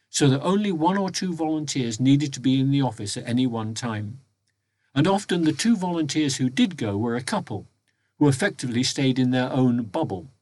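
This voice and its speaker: A man reads a prepared report in a measured, formal way, recording at home inside a wardrobe. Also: mid-range voice, a little mellow. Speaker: volunteer reporting to members of a local talking newspaper. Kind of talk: prepared spoken annual report, read aloud. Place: home recording inside a wardrobe, close and muffled by soft surroundings.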